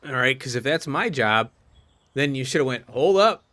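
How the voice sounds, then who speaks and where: A man's voice: medium pitch, normal speed, bright, forceful tone. A man giving casual gameplay commentary, chatty and thinking aloud as he goes. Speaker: gaming video host.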